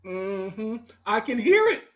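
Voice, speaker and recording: A woman hosting her own videos lectures her viewers directly in a preachy, scolding, repetitive monologue. Her voice is fairly high with big pitch swings, she speaks slowly, and the recording sounds dull and lo-fi.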